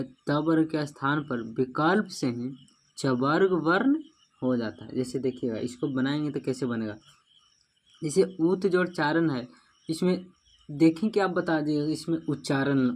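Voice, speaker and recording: A man teaching a grammar lesson, repeating each rule and spelling words out syllable by syllable, often checking in with "okay?". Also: mid-range voice. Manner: repeats rules, asks "ठीक है ना" often.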